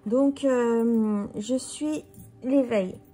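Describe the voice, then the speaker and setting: Speaking extremely slowly in a warm, somewhat high voice, a tired woman goes through a tarot deck with faint music behind her. It's a casual walkthrough in which she muses to herself while flipping and displaying the cards.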